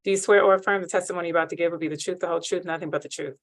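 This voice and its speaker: A woman judge, heard on a courtroom recording, running a hearing in a brisk, formal way and reading procedure by rote. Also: lowish voice, fairly even intonation.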